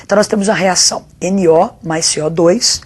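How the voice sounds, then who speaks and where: Husky Brazilian woman teaching a lesson. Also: lowish voice, fairly quick, darkish tone. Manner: didactic, with rhetorical questions and check-in tags. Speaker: chemistry teacher. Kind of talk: spoken video lesson.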